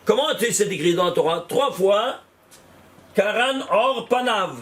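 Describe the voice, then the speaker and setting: A man teaching a Kabbalah study class, animated, repeating numbers out loud and exclaiming in wonder as he questions his students. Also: high-pitched, unhurried. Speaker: Torah teacher.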